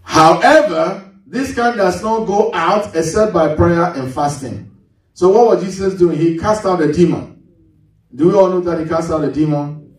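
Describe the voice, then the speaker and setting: A male pastor with a high-pitched voice, speaking at normal speed, preaches a sermon in a church. He quizzes the congregation with call-and-response questions and repeats key words for emphasis. The distant mic captures a very echoey church hall.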